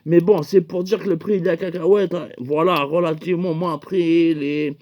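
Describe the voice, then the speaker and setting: A man's voice: on the high side, fairly even intonation, normal speed, muffled recording. A young man telling a rambling comic story, with laughing asides and acted-out quotes.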